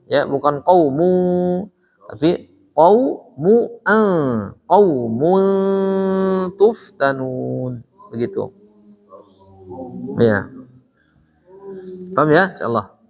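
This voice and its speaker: A man teaching Quran recitation in a tajwid lesson, speaking with an Indonesian accent, slowly repeating and modelling each sound for his students. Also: medium pitch, vocal fry, long reverb tail.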